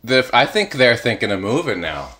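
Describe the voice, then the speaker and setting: Bright-voiced man in casual chat. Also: medium pitch, moderate pace, slight background noise. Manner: laughing, animated, swearing, acts out plants in loud yelling voices.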